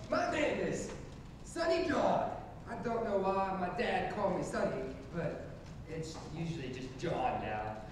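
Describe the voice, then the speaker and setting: A man's voice: high-pitched, big pitch swings, unhurried. A man in stage improv playing a rambling small-town auctioneer. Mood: chatty. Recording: echoey hall from far off, noisy.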